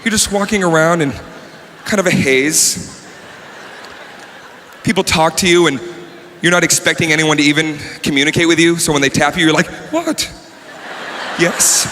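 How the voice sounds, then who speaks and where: Stand-up comic, man, high lively voice, punchy delivery, roomy stage sound with a faint hum. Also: brisk, pauses often. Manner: animated, shouting punchlines. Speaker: stand-up comedian. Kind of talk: stand-up routine.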